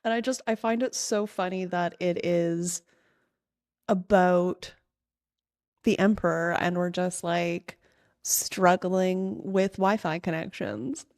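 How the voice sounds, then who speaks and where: Woman co-host, unhurried casual chat, trails off, dry close sound. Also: lowish voice, fairly even intonation, darkish tone, no room sound. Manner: slow, trailing, searching for words. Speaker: podcast co-host. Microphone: remote call recording.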